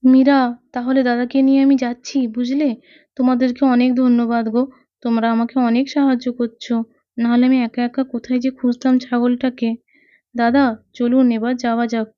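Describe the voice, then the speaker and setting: A caring young mother, voiced by a woman in a children's doll story, who frets and talks to herself as she goes. Her voice sits high and bright. The recording is dull, lo-fi and dry. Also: flat delivery, a little fast, no room sound, close to an everyday voice.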